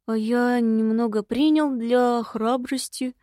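A woman's voice: fairly high pitch, steady tone, mellow, no echo, clean studio sound. A woman voicing a cowardly, sly young husband who drags out his words in a sulky, mocking way. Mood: sulky, snide. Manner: drawn-out, sulky and mocking delivery. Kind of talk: audiobook dialogue.

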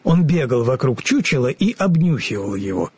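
A man narrating a children's fairy tale audiobook in an expressive storytelling manner. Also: mid-range voice, moderate pace, breathy edge, dry recording.

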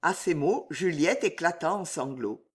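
A woman narrating a classic novel as an audiobook, in an expressive, measured manner. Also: low-pitched, husky.

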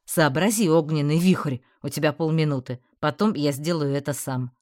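A woman's voice: low voice, normal speed, a little mellow, no echo, clean studio sound, natural voice. A woman voicing a cheerful, commanding male magister who sounds amused while giving orders. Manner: jovial and amused, yet commanding.

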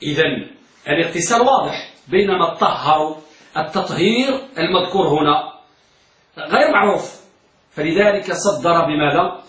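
High, bright man drilling a class. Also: lively intonation, moderate pace. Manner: drills students with repeated questions, urges them to speak up. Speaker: teacher of hadith. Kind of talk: classroom lesson with questions to students. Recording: echoey room, voice from far off.

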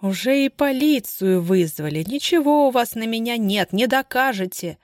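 A scheming society woman cornered and turning vicious, her voice shrill and venomous, as a woman reader puts her on. She swings between hysteria and cold mockery. The reading sounds close and dry. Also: animated, moderate pace, dry recording, lightly acted. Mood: hysterical.

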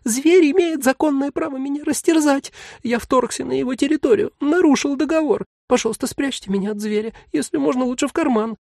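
Tiny scared demon cloud, squeaky and whiny, begging, storybook reading. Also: male voice, a little fast, gravelly, hardly any pauses, a little mellow, dry recording, clean studio sound. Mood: fawning. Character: small frightened male demon cloud, pleading.

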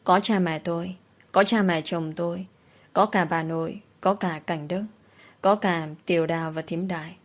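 A woman's voice: on the low side, fairly even intonation, moderate pace. A woman narrating a first-person audiobook story with a mournful, emotional delivery.

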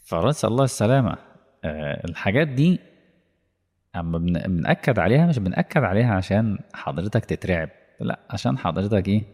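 Gravelly fast Egyptian preacher in a hall. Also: male voice, lowish voice. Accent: Egyptian Arabic. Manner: animated, acts out dialogues and quotes. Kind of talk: colloquial religious lesson.

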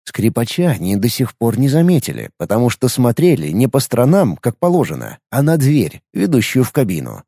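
A man narrating an audiobook in an expressive storytelling manner. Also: medium pitch, a little fast, few pauses, breathy edge, dry recording, studio quality. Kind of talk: scripted narration.

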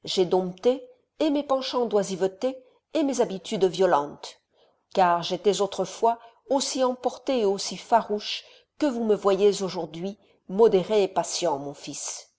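A woman voicing a scheming older male count who speaks to his son in a measured, solemn, persuasive way. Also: medium pitch, animated, mellow. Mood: stern.

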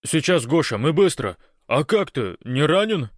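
A man voicing a big, excitable man who jabbers hurriedly over a radio, raised and loud, in a dry recording. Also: mid-range voice, takes it slowly, dry recording, voice pushed up. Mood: flustered.

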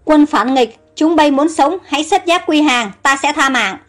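A woman's voice: high voice, moderate pace, faint music behind, lightly acted. A woman doing a wrathful old king. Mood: furious. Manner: commanding. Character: commanding older king, wrathful.

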